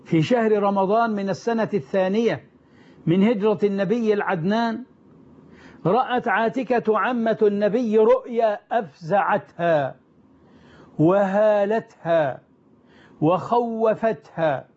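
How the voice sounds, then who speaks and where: A man with an unusually high voice tells an old religious story as a storyteller. He is emphatic, rephrasing and repeating lines to press them home. The recording is dull and lo-fi. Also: a little slow, darkish tone. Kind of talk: retelling early Islamic history.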